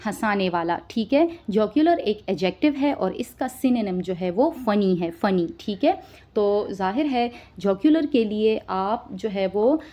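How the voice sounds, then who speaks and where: A woman teaching vocabulary, listing each word with its meaning and often checking understanding with a quick question. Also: medium pitch, expressive, highs cut off. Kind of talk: spoken vocabulary lesson.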